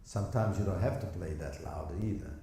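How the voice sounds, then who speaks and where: Mellow-voiced man coaching in an echoey hall. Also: sits low, brisk, creaky. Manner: demonstrative, sings phrases on syllables, jokey. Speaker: piano teacher giving a masterclass. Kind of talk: masterclass coaching. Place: recital hall. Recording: very echoey hall with faint piano.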